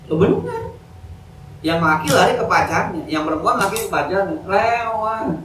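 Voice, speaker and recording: A male preacher lectures in a lively, joking, colloquial way, his voice sitting a little high. The sound is roomy and picked up from some distance in a mosque hall, with a faint hiss behind it. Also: normal speed. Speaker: ustadz giving an Islamic study lecture. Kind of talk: casual evening sermon. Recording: echoey hall, mic from a distance.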